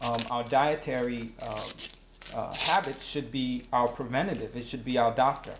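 A man in his thirties as a guest in a kitchen chat, explaining calmly with playful asides. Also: medium pitch, moderate pace. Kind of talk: casual chat. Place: home kitchen set, indoors. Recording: roomy kitchen echo, faint noise.

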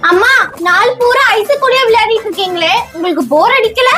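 Sulky voice in a comedy skit, loud music behind. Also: female voice, very high-pitched, expressive, a little fast. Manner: sulky, complaining. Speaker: jealous older daughter in a comedy skit. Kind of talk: scripted family comedy skit.

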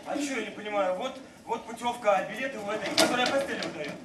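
A man's voice: sits high, fast, natural voice. A man acting a simple, blunt, good-natured village tractor driver in a stage comedy, speaking colloquially. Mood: puzzled. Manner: plain-spoken, colloquial. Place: theatre stage, indoors. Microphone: far camera in the audience. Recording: noisy, echoey theatre stage from far off.

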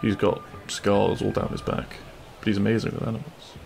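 As a cheeky, kind-hearted bandit prince in an intimate audio roleplay, a man teases and reassures in a gravelly voice. The mood is earnest; his tone is level and darkish, his pitch on the low side, and his pace normal.

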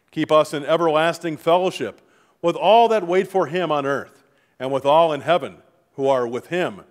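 A middle-aged man speaking as a pastor at a funeral, reading liturgy and prayers in a solemn, measured, formal way. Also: a little high. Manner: solemn, measured, formal delivery with falling phrase endings. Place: large church sanctuary, indoors before a congregation. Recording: reverberant church hall.

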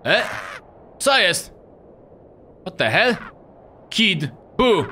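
A man's voice: high voice, big pitch swings, extremely slow, sharp tone, a little hiss or hum. A man hosting a let's-play, commenting playfully and reading the game's dialogue aloud. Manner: playful, reacts with exclamations. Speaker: gaming video host.

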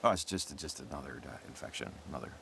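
An actor playing an easygoing young man on a night hike, chatting in relaxed, rambling small talk. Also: very deep voice, quick pace, gravelly, heavy background noise, heavily acted.

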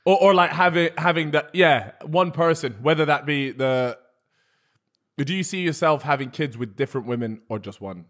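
A man's voice: on the high side, normal speed, fairly bright tone. A man co-hosting a podcast, asking his questions with hesitant restarts. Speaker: podcast co-host. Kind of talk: casual podcast chat.

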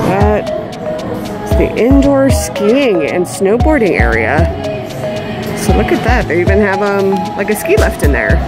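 A woman vlogger narrating casually as she walks through a large indoor mall, pointing things out with delight, filmed on a handheld camera. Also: medium pitch. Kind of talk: casual walking tour narration. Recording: loud music and crowd noise. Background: loud mall music and crowd.

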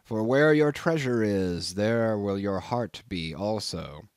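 A man's voice: lowish voice, takes it slowly, clear, resonant tone, no echo, clean studio sound. Man acting a solemn, sepulchral old pious miser. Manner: solemn, steady, sepulchral, preachy. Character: stingy, pious old Quaker ship owner. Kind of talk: audiobook character acting.

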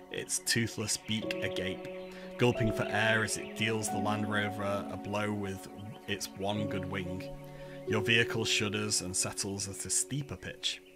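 A man with a Mancunian accent hosting a gaming stream, reading a text adventure aloud with chatty, self-mocking asides. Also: lowish voice. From Manchester, England. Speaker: host, palaeontologist. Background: background music.

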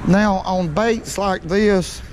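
A man's voice: high-pitched, slow pace. A middle-aged man, giving casual folksy commentary while fishing from a small boat, recorded on a body-worn action camera. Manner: folksy, excitable when fish bite. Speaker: fishing vlogger. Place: small boat on a lake under a bridge, outdoors. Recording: outdoor noise on action cam.

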